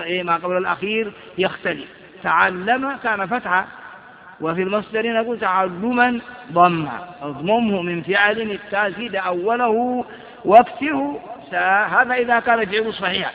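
A high-pitched man gives a grammar lesson, reciting verb forms in drills and asking his listeners rhetorical questions. The sound is dull and lo-fi, and a long hall reverb trails each phrase. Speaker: Arabic grammar teacher. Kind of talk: classroom lesson explaining verse on grammar. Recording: dull echoey lecture hall recording.

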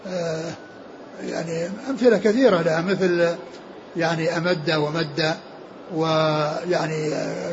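Highish guy lecturing on hadith, lots of restarts, muffled lo-fi tape with noticeable hiss. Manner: halting, many repeated words and restarts. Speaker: hadith teacher. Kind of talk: classroom lecture explaining a hadith text.

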